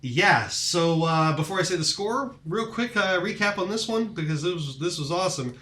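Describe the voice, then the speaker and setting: A man's voice: high voice, animated, normal speed, bright, forceful tone. A man hosting a podcast, recapping bouts in casual, enthusiastic chat full of fillers. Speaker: podcast host. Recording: roomy echoing room.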